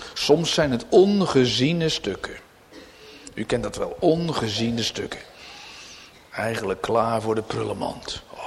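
A man preaching a sermon in a church, swinging between loud declarations and whispers. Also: medium pitch, vocal fry. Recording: reverberant church hall.

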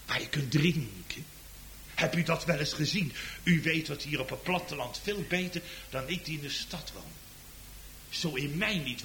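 A man preaching in a church with a fairly high, very lively voice that swings up and down. He builds to loud, slow emphatic cries, then sinks to soft, almost whispered questions. A faint hiss runs under the recording. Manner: asks the congregation direct questions. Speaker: pastor. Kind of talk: sermon.

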